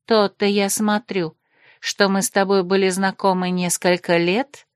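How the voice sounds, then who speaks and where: A woman's voice: medium pitch, flat delivery, unhurried, smooth, no room sound, clean studio sound, natural voice. A woman voicing a haughty, catty young aristocratic woman in an audiobook, drawling and reproachful.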